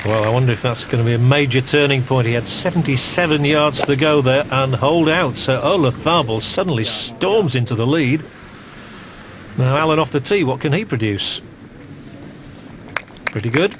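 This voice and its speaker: A man's voice: medium pitch, moderate pace. A middle-aged man giving live golf commentary in a conversational, musing way with understated enthusiasm. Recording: noisy outdoor broadcast ambience.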